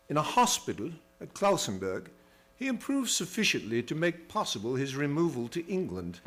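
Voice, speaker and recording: An actor playing an earnest doctor who narrates a gothic radio play in a formal, theatrical manner. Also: male voice, fairly high pitch, breathy edge.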